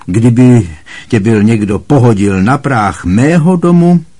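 Casting: a man doing a blustering harsh aunt, high and loud, lively, husky edge, storybook reading. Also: natural voice. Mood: scornful. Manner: booming, barking and harshly scolding. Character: bossy loud middle-aged aunt who scorns the boy.

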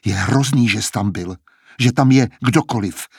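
Scared young woman, upset and pleading, husky low voice, done by a male reader. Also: warm tone, dry recording, studio quality. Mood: distressed. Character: frightened young woman, anxious and tender.

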